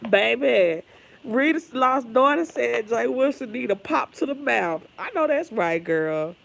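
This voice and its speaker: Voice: medium pitch, expressive, measured pace, vocal fry, fairly bright tone. A chatty livestream host who reads viewer comments aloud, laughs often, and drifts into gossipy tangents. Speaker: livestream host reading chat. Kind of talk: casual livestream chat.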